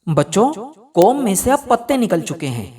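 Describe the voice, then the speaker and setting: A woman from India teaching a recorded lesson to children, reading a poem line by line and then explaining it. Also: husky. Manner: sing-song, slow recitation with lively pitch.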